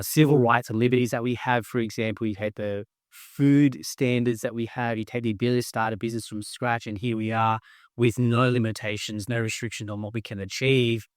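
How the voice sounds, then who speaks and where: An enthusiastic man in his thirties chatting on a podcast, talking freely with fillers and restarts. His voice sits fairly low. The sound is dry and close. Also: dry recording. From Australia. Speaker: podcast host, company co-founder. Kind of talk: casual podcast chat.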